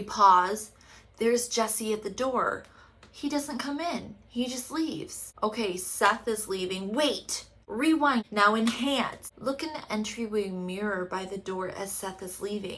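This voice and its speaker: A woman's voice: mid-range voice, a bit bright. A woman hosting a podcast, recapping a TV episode in a casual, sarcastic way, swearing now and then and quoting the characters' lines.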